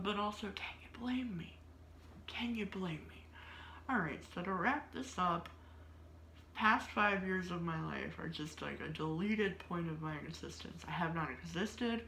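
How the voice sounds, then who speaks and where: A woman's voice: fairly low pitch, fairly bright tone, a little hiss or hum. A woman in her thirties telling a story in a casual, rambling way, with many filler words and frequent laughter. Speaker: vlogger. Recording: roomy echo.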